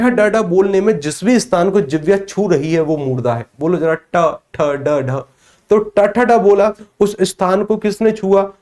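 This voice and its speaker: Hindi teacher asking and answering himself. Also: male voice, fairly high pitch, a little mellow. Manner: explains by asking questions and answering them himself; sounds out letters slowly to show pronunciation. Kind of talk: spoken grammar lesson.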